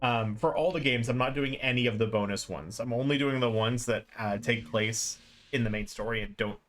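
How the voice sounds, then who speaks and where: This streamer, a man with a mid-range and somewhat bright voice, keeps a moderate pace as he plays and explains a game. His live commentary is rambling, casual and self-deprecating, with game music playing behind him on the stream.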